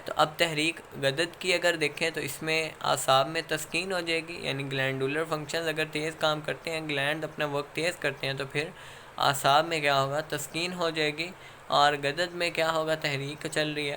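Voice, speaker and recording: A man's voice: fairly high pitch, steady tone, bright, forceful tone, a little hiss or hum. A man with a Pakistani accent giving a recorded lecture, explaining step by step and checking in with "okay" again and again. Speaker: instructor.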